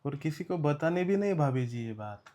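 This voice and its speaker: A man's voice: fairly high pitch, expressive, normal speed, dark tone, slight background noise, close to an everyday voice. Smug villain brother-in-law, a man playing him, sly and gloating.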